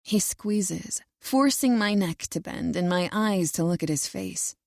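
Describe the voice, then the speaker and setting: A woman narrating a first-person romance audiobook in an even, unhurried storytelling manner. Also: lowish voice, vocal fry, no room sound, clean studio sound.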